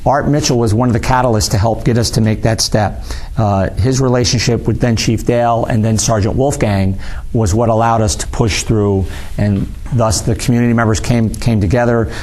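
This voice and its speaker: A middle-aged man from Albany talks in a somewhat low voice. He is a retired police sergeant in a casual interview, often restarting and repeating words as he goes. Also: steady tone, normal speed, darkish tone. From Albany, New York.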